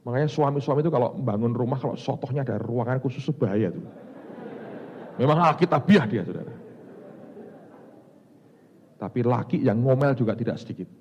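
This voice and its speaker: A male pastor with a Javanese accent from Semarang, preaching a sermon in a lively storytelling manner, jumping from loud exclamations to hushed lines. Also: mid-range voice, brisk, pauses often, slight background noise. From Semarang, Indonesia. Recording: dull sound in a reverberant hall.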